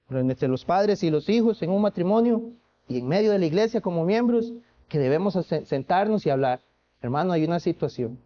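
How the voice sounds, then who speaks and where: A man's voice: sits high, dull audio. A man with a Costa Rican accent preaching a sermon in church, earnest, with restarts and rhetorical questions. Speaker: pastor.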